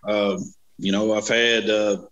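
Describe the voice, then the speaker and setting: A man in his thirties from Kentucky, speaking as a guest on a video-call interview in a relaxed way, full of "you know" and "uh". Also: fairly low pitch, a little slow, lo-fi sound. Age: 30s. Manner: easygoing, many fillers like "you know" and "uh". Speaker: interview guest, strongman competitor. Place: small home room. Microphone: webcam on video call.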